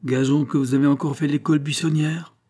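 A man's voice: on the high side, little pitch movement, fairly quick, pitched above the performer's own voice, lightly acted. A man voicing an old spinster aunt, pious and suspicious, who scolds and accuses her nephew in a storybook reading. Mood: scolding. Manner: sharp, accusing, sermonizing.

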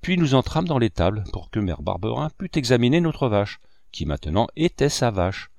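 A man reading a classic novel aloud with animated storytelling. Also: medium pitch, normal speed, creaky, no echo. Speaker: audiobook reader.

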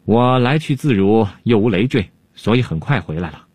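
A man voicing a sly, unhurried and witty male court jester who drawls and teases, with a husky voice in a dry recording. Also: on the low side, lively intonation, darkish tone, no room sound.

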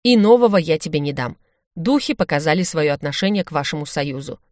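A grave male orc shaman, as a woman reading aloud puts him on, answers curtly and firmly in broken phrases. The voice sits fairly low, and the recording is dry and close. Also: expressive, brisk, no echo. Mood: stern. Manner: curt, firm, broken phrasing.

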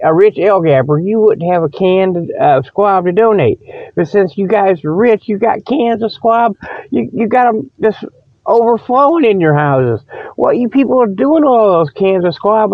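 A man hosts a humorous radio report show with a rambling, folksy, colloquial comic monologue full of mock sponsor pitches, often losing his thread. A lingering cold leaves a slight frog in his high-pitched throat, and the audio is dry with no echo, narrow and tinny.

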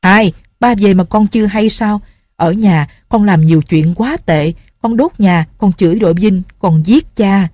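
A woman's voice: fairly low pitch, moderate pace, dry recording, clean studio sound, lightly acted. A woman voicing an angry old male village official who scolds his household. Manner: shouting and scolding.

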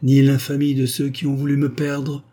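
A man's voice: medium pitch, completely flat delivery, normal speed, warm tone, pitched above the performer's own voice, natural voice. A man reading aloud, voicing an earnest young woman who was once a governess and is now a rich heiress.

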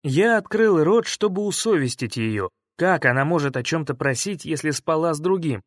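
Male audiobook reader, slightly higher voice, dry sound, measured dramatic delivery. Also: animated, no echo. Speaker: audiobook narrator. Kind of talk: first-person audiobook narration.

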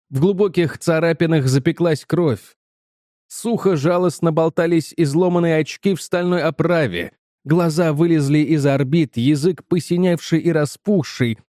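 A man narrating an audiobook in a measured, tense storytelling manner. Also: on the high side, warm tone, dry recording, studio quality.

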